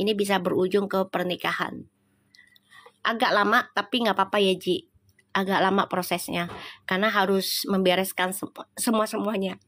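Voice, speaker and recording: A woman's voice: mid-range voice, fairly bright tone. A middle-aged woman with a Betawi Jakarta accent, chatting casually with viewers on a tarot live stream, teasing and laughing often.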